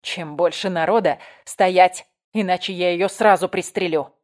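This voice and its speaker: A woman reading an audiobook voices a desperate, vengeful armed man with harsh, loud demands. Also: lowish voice, expressive, moderate pace. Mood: threatening. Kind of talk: audiobook character voice.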